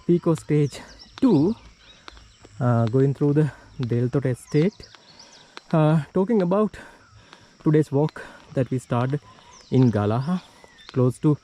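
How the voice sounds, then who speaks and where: A man's voice: a little high, creaky, warm tone, a little hiss or hum, low-quality recording. A Sri Lankan man narrating his hike on a tea estate trail to an action camera, a bit out of breath as he walks uphill. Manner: walking uphill while talking, slightly winded. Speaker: hiking vlogger.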